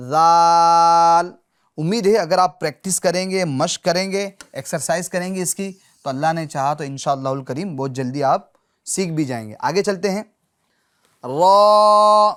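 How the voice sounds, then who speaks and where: A man teaching Quran recitation who says each letter sound slowly and loudly, again and again, and stops often to check that his students are following. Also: on the high side. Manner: patient, checks in often with short confirmations. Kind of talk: Urdu lesson on pronouncing Arabic letters.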